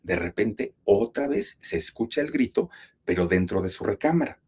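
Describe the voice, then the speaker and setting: Husky Mexican man telling a horror tale. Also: lowish voice, huge pitch swings, normal speed, darkish tone. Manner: talks straight to listeners, suspenseful. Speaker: horror storyteller, channel host. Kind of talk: dramatic spoken storytelling.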